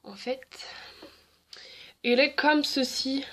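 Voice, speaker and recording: A woman's voice: high voice, steady tone, slow, a bit bright. A young woman chatting casually as a beauty vlogger, with many fillers and restarts. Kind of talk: casual haul and swatch video.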